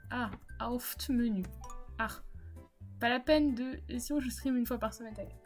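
A woman's voice: a little high, a little fast, faint music behind. A woman streamer chatting casually with her viewers while setting up and playing a game, laughing often. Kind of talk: casual live-stream chat while gaming.

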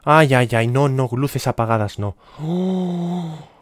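A streamer giving live horror gameplay commentary, jumpy and cursing, breaking into high panicked yelps. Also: animated, slow pace, dry recording.

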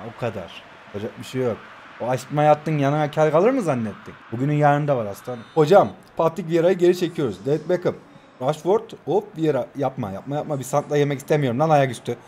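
A Turkish man in his twenties, his voice a little high and fairly quick, commentates his own mobile football match with faint music in the background. He excitedly shouts player names and chats with viewers while keeping his voice down at night in his new home, giving live gameplay commentary.

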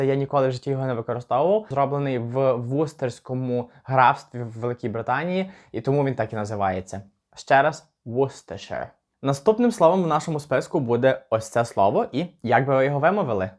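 Chatty man teaching English pronunciation. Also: medium pitch. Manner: chatty, slows down to spell out words. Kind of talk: casual pronunciation lesson.

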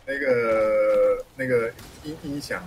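A man's voice: mid-range voice, slow pace. Chatty guy on a noisy voice call. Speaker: friend on voice chat. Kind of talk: casual chat over voice call. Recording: noisy voice-chat line.

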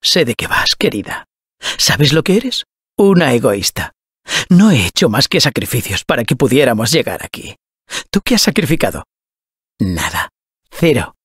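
Husky rambling robot sidekick. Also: male voice, mid-range voice, moderate pace, long pauses, dry recording, studio quality. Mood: resentful. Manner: rambling, excitable. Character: chatty nervous male robot sidekick. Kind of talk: video game dubbing.

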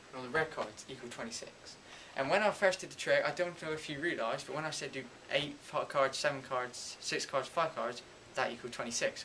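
A young man in his teens giving an informal, halting step-by-step card trick tutorial in amateur magician patter. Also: on the high side, sharp tone, a little hiss or hum, rough recording. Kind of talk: informal step-by-step demonstration and explanation. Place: indoors at a table and whiteboard.

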